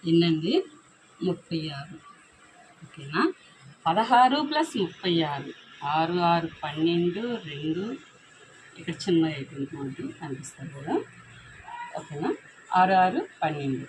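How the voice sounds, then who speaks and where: A woman's voice: low voice, expressive, normal speed, long pauses, noisy background. Patient woman teaching the alphabet. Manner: patient, keeps checking with "okay?"; mixes English words into Telugu. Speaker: Telugu teacher. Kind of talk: alphabet lesson, explaining pronunciation.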